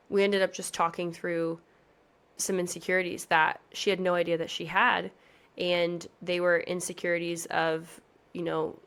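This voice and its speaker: A woman's voice: on the low side, gravelly. Chatty, earnest woman pageant coach. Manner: chatty, earnest, motivational, emphatic. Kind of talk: casual podcast chat.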